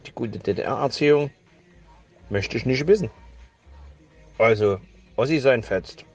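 Male listener, slow and gravelly, husky voice message. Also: medium pitch, muffled recording, soft background music.

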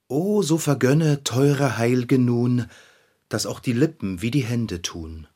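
A good-natured amateur who recites Romeo's lines. His voice is somewhat husky, and he speaks slowly with a lively pitch. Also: exaggerated voice. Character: good-natured young man rehearsing Romeo.

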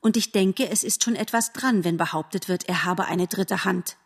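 A woman's voice: fairly low pitch, husky, big-room sound. A woman doing a wise older animal aunt. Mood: thoughtful. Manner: measured, thoughtful. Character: experienced older female forest animal, an aunt. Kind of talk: audiobook reading.

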